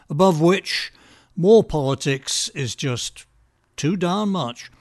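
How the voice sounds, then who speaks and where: A man giving scripted political commentary with a dry, sardonic, measured delivery. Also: fairly high pitch. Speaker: podcast commentator.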